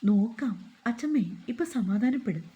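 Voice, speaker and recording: A woman's voice: on the high side, expressive, moderate pace, mellow, close to an everyday voice. A woman voicing a caring young woman who brings bad news and comforts her family. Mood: anxious.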